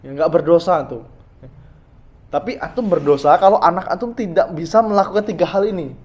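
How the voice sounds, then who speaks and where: Guy giving a chatty religious talk, kinda high voice, keeps asking the crowd stuff, muffled lo-fi sound. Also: brisk, darkish tone. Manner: talks directly to the listeners, asking them questions. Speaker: Islamic preacher. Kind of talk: conversational religious lecture.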